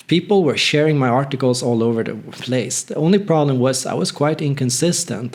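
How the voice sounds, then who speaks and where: A man's voice: medium pitch, darkish tone. A man from northern Sweden, telling a personal story in a candid, reflective, conversational way. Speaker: channel host.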